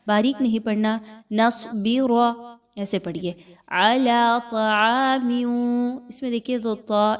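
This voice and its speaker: A woman teaching a Quran recitation lesson, patiently explaining each letter's rules and reciting phrases slowly. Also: medium pitch, a little mellow. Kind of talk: tajweed lesson with slow chanted recitation.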